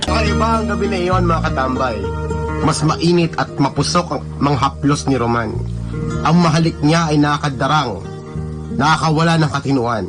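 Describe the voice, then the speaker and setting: A man's voice: fairly high pitch, moderate pace. A man narrating a love story in the first person on a radio drama program, with music behind him.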